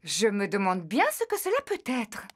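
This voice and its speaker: A woman voicing a kind, lively mummy pig in a children's cartoon, with a gentle, explaining, motherly manner. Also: mid-range voice, normal speed, over loud music. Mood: gentle, puzzled.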